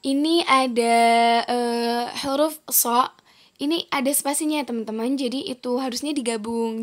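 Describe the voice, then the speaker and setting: A woman teacher with a high voice leads a recorded lesson. She speaks slowly and patiently, saying each word carefully twice for her students to copy. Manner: slow, careful modeling of pronunciation, repeating each word twice; patient, explanatory, addressing students as friends. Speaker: Arabic teacher.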